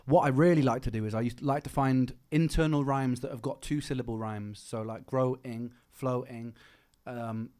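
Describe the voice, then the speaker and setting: A man's voice: medium pitch, fairly even intonation, moderate pace, darkish tone. A man chatting casually on a livestream, rambling through explanations with lots of restarts. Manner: rambling, explaining production and rhyme technique; frequent restarts and fillers like "man". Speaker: musician streaming.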